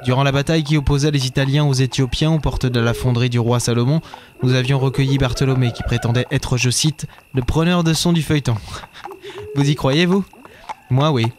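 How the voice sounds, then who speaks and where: A man with a wry, deadpan delivery, narrating a comic radio serial as its lead character. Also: mid-range voice, a little fast, background noise.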